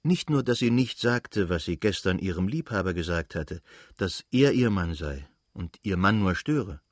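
Husky low-voiced male narrator. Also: animated, moderate pace, dry recording, studio quality. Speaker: audiobook narrator. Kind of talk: scripted narration of a novel.

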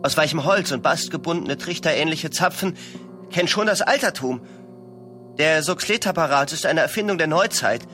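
A man's voice: unhurried, pauses often, bright, forceful tone, faint music behind. A man doing a stammering, desperate accused man. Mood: pleading. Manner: high-strung, imploring.

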